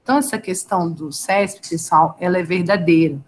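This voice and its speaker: Her voice lowish and her pace a little fast, a Brazilian woman gives a live online law lecture in a chatty way. She questions her students and replies to them by name, reading those names off the chat.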